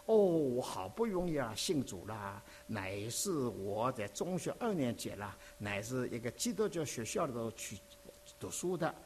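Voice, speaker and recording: A man from preaching a sermon, telling his own story in an animated, conversational way. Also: medium pitch, normal speed, a little hiss or hum. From Dinghai, Zhejiang, China. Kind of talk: sermon with personal testimony.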